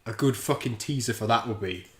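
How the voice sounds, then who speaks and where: A man's voice: on the low side, a little fast, fairly bright tone, echoey room. A man hosting a livestream, bantering crudely and laughing while drinking. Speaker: livestream host. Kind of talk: casual chat.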